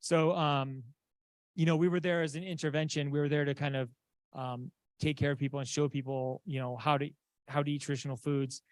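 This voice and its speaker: A man from Southeast Alaska giving a conference slide talk, halting with many fillers and restarts. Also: fairly high pitch, level tone, clear, resonant tone, dry recording. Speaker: conference presenter. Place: conference room.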